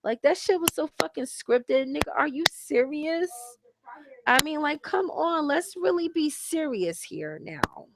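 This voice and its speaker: A woman's voice: sits high, lively intonation, a little slow. A woman hosting her own broadcast, recapping a reality show in casual, profane commentary and lecturing her listeners directly. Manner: blunt, profane, heavy use of slang. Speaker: host reviewing a reality show. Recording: hissy home recording.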